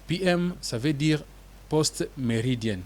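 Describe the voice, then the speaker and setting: A man narrating a language lesson in a measured, explanatory way, spelling out terms. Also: a little high, darkish tone. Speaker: English teacher.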